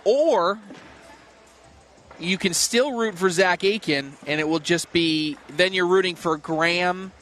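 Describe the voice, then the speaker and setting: A man's voice: sits high, slow pace, fairly bright tone, a little hiss or hum. A man commenting on a cornhole tournament from a booth, analytical and bantering with his co-host. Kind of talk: casual sports commentary.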